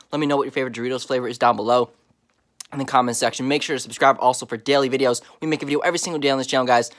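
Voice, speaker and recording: A young man with a medium-pitched, slightly bright voice vlogs a snack taste test from his home basement. He talks in laid-back slang and chews as he goes.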